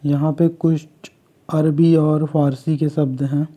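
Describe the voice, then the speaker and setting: Man, Uttarakhand Hindi accent, exam-prep teacher; dark, unhurried, monotone list reading. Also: on the high side. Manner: slow, measured, list-like delivery. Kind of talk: reading out quiz questions and answers.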